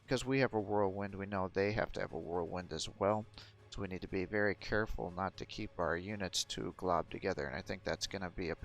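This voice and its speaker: A man's voice: sits low, fairly quick. A man casually commenting on his own strategy game as he plays, thinking aloud with hesitant fillers. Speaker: gameplay commentator.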